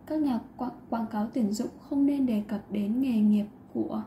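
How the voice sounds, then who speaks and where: A woman's voice: on the high side, normal speed, warm tone, a little hiss or hum. A woman teacher explaining an English lesson, patiently mixing English words into her talk.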